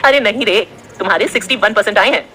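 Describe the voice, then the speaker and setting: A woman acts out a modest, studious young college girl in an audio story. She speaks softly, with a bright, clear voice. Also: mid-range voice, quick pace, slight background noise, close to an everyday voice. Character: studious top-scoring young female student.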